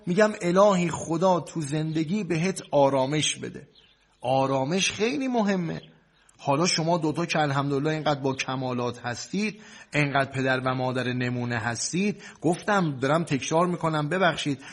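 A man playing a cleric counselor who gives preachy, soothing advice to a couple in long, repetitive lists. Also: fairly high pitch. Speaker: cleric marriage counselor in a sketch. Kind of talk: comic sketch, preachy advice.

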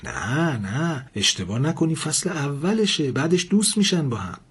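Eager defensive young husband, read by a man, husky, audiobook story. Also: fairly high pitch, big pitch swings, fairly bright tone, pitched above the performer's own voice, full character voice. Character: Ashkan, an eager new-writer husband.

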